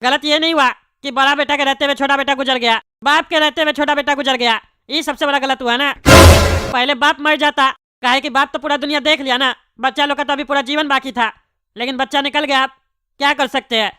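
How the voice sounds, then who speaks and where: A bald, pompous neighbourhood politician, voiced by a woman in a cartoon comedy, high-pitched and bright. He talks in a bossy, rambling way and consoles people tactlessly. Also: steady tone, fairly quick, dry recording, studio quality. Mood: consoling.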